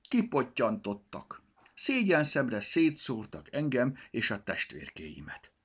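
A man's voice: medium pitch, huge pitch swings, slightly rough, voice pushed up. A man voicing a proud male talking silver coin in a children's storybook, haughty and a bit of a know-it-all. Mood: timid.

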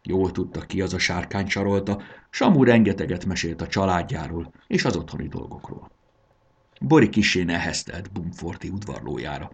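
A man narrating a children's storybook in an expressive storytelling manner. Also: sits low, gravelly, slight background noise.

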